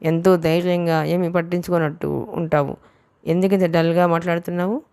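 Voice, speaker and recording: A woman's voice: fairly low pitch, fairly even intonation, a little fast, darkish tone, clear, resonant tone, no echo, lightly acted. A woman reading the lines of a playful young woman in love, teasing and affectionate, for an audiobook. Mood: gentle.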